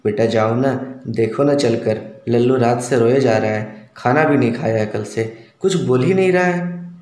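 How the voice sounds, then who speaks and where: A man's voice: mid-range voice, measured pace, a little mellow, close to an everyday voice. A man voicing a tearful pleading mother. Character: tearful worried mother of a teenage boy. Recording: roomy echo.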